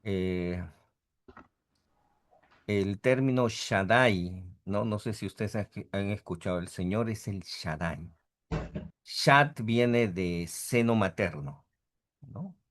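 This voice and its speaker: A man's voice: lowish voice, slow, long pauses. A middle-aged man, a priest, giving an informal theology lecture over a video call, often ending sentences with a questioning "no" and acting out the voices of people he quotes. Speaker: priest teaching a theology class.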